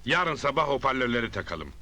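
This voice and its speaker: Scheming land buyer, sharp forceful voice, lively intonation, comedy film. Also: male voice, medium pitch, fairly quick. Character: scheming male land-buying businessman. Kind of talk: Turkish comedy film dialogue. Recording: film audio with faint noise.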